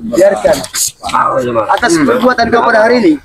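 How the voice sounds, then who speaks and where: A man's voice: sits high, moderate pace, natural voice. A man playing a defiant gang boss who makes declamatory threats in an improvised action-comedy style. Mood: threatening, defiant. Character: defiant male gang boss protecting his underlings. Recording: loud crowd noise around the voice.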